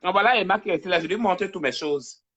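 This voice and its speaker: A man's voice: high-pitched, fast, dull audio. A man hosting a casual livestream from home into a phone, talkative and teasing, with his voice sometimes drifting away from the mic. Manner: talkative, teasing, switches to quiet aside on phone calls. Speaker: livestream host.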